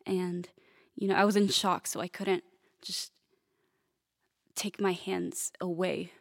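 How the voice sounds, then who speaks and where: Soft-spoken teenage girl from Italy. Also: on the low side, little pitch movement, takes it slowly, gravelly, no room sound, studio quality. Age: teens. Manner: soft-spoken, hesitant, many fillers. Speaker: young pianist guest. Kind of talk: casual interview answers.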